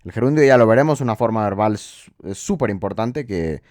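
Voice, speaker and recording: A man's voice: fairly low pitch, expressive, fairly quick, a little mellow, no room sound, clean studio sound. A man teaching English grammar, explaining rules step by step and checking in with his viewers through rhetorical questions.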